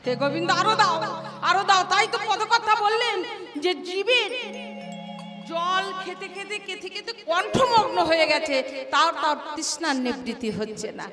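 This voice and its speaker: A woman's voice: extremely high pitch, expressive, moderate pace. A woman kirtan singer telling a devotional story fervently, preaching and breaking into song. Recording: echoey hall with loud music.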